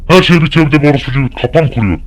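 A young man giving angry gameplay commentary, swearing and shouting at the game in a fury. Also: fairly high pitch, very fast, a little hiss or hum. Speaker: gaming YouTuber.

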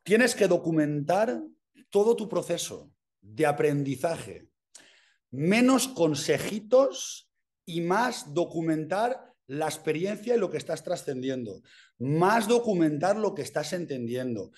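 High-voiced Spanish man, slangy mentor. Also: unhurried. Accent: Spain Spanish. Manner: energetic, slangy and crude, swears freely. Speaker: personal branding mentor. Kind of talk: casual mentoring talk.

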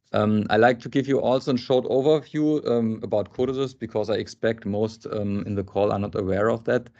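A man in his thirties giving a technical presentation on a video call from an indoor office, halting often with ums and restarts. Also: fairly low pitch, dark tone. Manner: hesitant, many ums and restarts. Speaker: software architect presenting. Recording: dull lo-fi video call audio.

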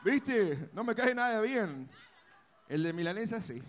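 A man's voice: sits high, very animated, unhurried. A man with an Argentine accent co-hosting a live outdoor festival, bantering and teasing the crowd into a stage mic. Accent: Argentine Spanish. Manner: playful, teasing, chatty. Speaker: festival co-host.

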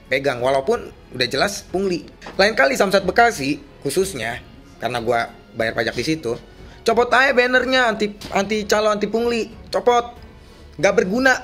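A man's voice: a little high, a bit bright. A young man telling his complaint in a casual, slangy, agitated way. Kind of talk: casual vlog-style account.

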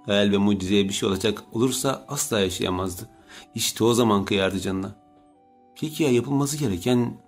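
A man narrating an audiobook in a steady, measured way. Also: fairly low pitch, soft background music. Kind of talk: scripted narration.

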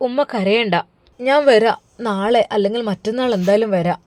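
A woman voicing a gentle, soothing young pregnant daughter with a Malabar Malayalam accent. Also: on the high side, moderate pace, no echo, natural voice. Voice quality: soft, soothing. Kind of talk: storybook narration.

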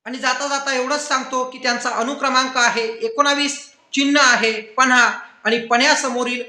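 A man's voice: very high voice, fairly even intonation, normal speed, bright, forceful tone, echoey room. A man giving an impassioned, oratorical campaign appeal as a political commentator, rallying his listeners. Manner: rousing, oratorical, addresses viewers as friends and brothers.

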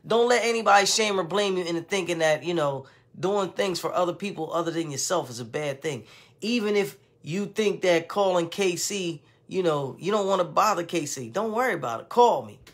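A man's voice: high-pitched, lively intonation, fairly quick, a bit bright. A man hosting a casual live stream, talking in a laid-back, folksy way and constantly adding "man" and "you know what I mean.". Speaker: in-home care guide and host of live stream.

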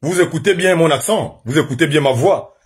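A man from Gabon with a Gabonese French accent, loudly and emphatically telling the story of his detention and trial. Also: a little high, lively intonation, brisk, breathy edge. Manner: loud, emphatic, says his voice is naturally loud, laughs while telling. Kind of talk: animated personal storytelling to an audience.

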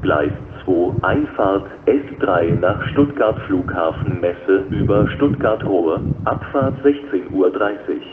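A man working as a railway station announcer, reading flat, scripted platform announcements in a measured, formal way. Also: sits low. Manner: measured, formal, flat delivery in set phrases. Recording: dull lo-fi recording with loud station noise.

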